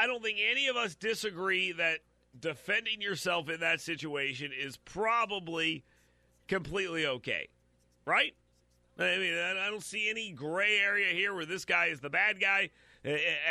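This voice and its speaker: A man's voice: a little high, gravelly, pushed and bright, dry recording. A man giving blunt, opinionated commentary while reading out a news story, talking straight to his audience and stumbling over repeated words.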